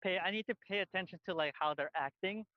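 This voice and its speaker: A man with a noticeably high voice chats casually as a podcast co-host. He rambles, piles up fillers and restarts his sentences. The sound is dry, dull and lo-fi. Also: fast talker, dry recording. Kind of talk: casual chat. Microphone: headphones on, outdoors by a busy street.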